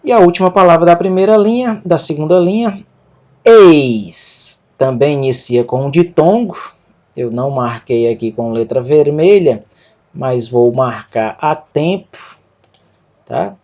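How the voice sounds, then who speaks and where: Slow, deliberate male language teacher. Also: fairly high pitch, a little mellow. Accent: Brazilian Portuguese. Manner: drawn-out, syllable-by-syllable pronunciation drills. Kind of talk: slow, careful reading lesson.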